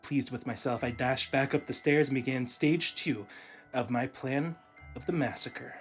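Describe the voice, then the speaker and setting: A man's voice: medium pitch, normal speed, faint music behind. A man co-hosting a podcast, chatting casually with jokes and easy laughter, then reading a horror story. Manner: joking, laughs easily between lines. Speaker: podcast co-host.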